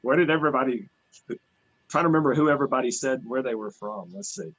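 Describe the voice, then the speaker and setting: A man in an online workshop thinking aloud in a casual, animated way over a video call. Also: mid-range voice, quick pace, gravelly, muffled recording, a little hiss or hum. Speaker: workshop participant.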